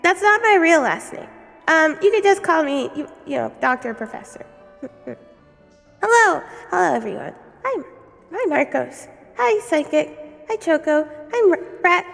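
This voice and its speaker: A woman's voice: very high voice, sing-song, measured pace, gravelly, a bit bright, faint music behind. A woman streamer chatting casually with viewers, giggly and rambling, stumbling over words, her voice echoing through a cave. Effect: cave echo. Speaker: livestream host. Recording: long echoing cave reverb.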